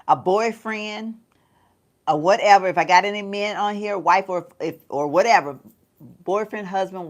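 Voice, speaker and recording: A middle-aged woman with a slightly low voice chats loosely through her makeup routine, calling her viewers y'all. She rambles, laughs often and keeps it casual and homey. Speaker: beauty vlogger. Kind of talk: casual get-ready-with-me livestream chat. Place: home.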